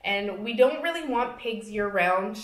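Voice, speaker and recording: A woman's voice: medium pitch, lively intonation, unhurried, distant mic, a crowd in the background. Woman co-host in an echoey kitchen. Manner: agreeable, chimes in and finishes his points. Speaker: homestead channel co-host. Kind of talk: casual chat. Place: home kitchen, indoors. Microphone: camera across the table. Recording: echoey kitchen, a bit off-mic.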